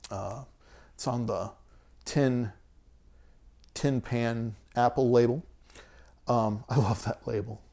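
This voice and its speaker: A man in his forties chats about his record collection in a slow, unhurried way. He hesitates often, circling back with ums and restarts. His voice is wearing thin, as if he is losing it. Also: medium pitch, fairly even intonation, gravelly, mellow. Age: 40s. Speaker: vinyl collector vlogger. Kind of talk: casual talk to camera.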